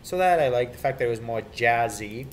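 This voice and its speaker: A video creator rambles through an off-the-cuff, opinionated rant about children's TV theme songs, often repeating himself. His medium-pitched voice is expressive and brisk, and the amateur home recording has some background noise.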